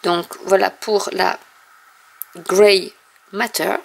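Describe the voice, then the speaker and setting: A woman with a gravelly, creaky edge to her mid-pitched voice talks through her new craft supplies. She explains at an easygoing pace, filling pauses with hesitant sounds, like a home vlogger sharing a parcel haul. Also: flat delivery, background noise. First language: French. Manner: chatty, explanatory, many fillers. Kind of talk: casual product haul.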